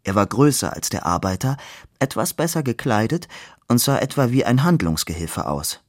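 A man reading a novel aloud in a measured, expressive way. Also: mid-range voice, no echo, clean studio sound. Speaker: reader. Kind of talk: literary reading.

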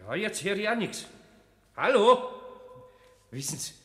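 An actor playing a flustered master carpenter, stammering in a Bavarian accent, in a radio play. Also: male voice, high-pitched, very animated, measured pace, a bit bright, big-room sound, exaggerated voice.

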